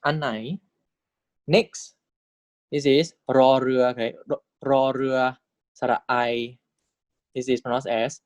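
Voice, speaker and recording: Slow, patient male Thai teacher. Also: mid-range voice, fairly even intonation, a little mellow, no echo. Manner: slow, patient, repeats each word several times with checking "okay?". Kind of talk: recorded language lecture.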